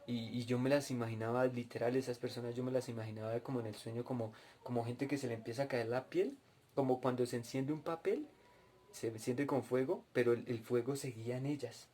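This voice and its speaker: A man's voice: medium pitch, fairly even intonation, brisk, dark tone, slight background noise. A man telling a dream as a testimony and teaching from the Bible, turning often to address his listeners directly. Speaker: preacher at a cell group.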